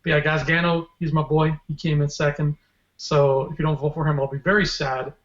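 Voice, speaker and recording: A man's voice: on the high side, little pitch movement, a little fast. A man co-hosting a casual livestream podcast, talking in a playful, joking way with rambling asides. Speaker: podcast co-host. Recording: dull, echoey room sound.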